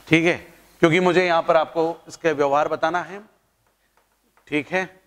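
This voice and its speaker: A man's voice: fairly high pitch, fairly bright tone, big-room sound. A male chemistry teacher from India, giving a playful, chatty lecture with jokes and asides. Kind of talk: classroom lecture.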